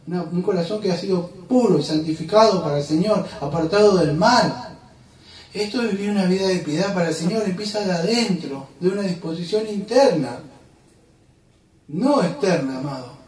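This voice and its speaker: High-voiced man preaching fervently in an echoey church. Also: normal speed, slight background noise. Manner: fervent preaching, rising to emphatic outbursts and dropping to quiet asides. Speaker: pastor. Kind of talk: sermon. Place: church hall. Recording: roomy church hall, mic at a distance.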